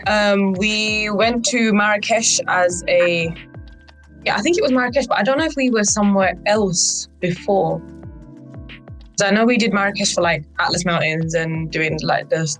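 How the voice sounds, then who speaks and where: Sharing her own stories on a youth board podcast, a young British woman speaks casually and animatedly, acting out the voices of people she quotes. She uses "like" and "right?" a lot, talking at normal speed in a mid-range voice with faint music behind.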